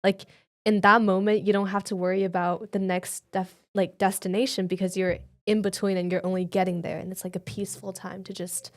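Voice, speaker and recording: A woman's voice: mid-range voice, flat delivery, fairly quick. A teenage girl co-hosting a podcast, chatting casually in a thoughtful, teasing way. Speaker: podcast co-host. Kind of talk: casual chat.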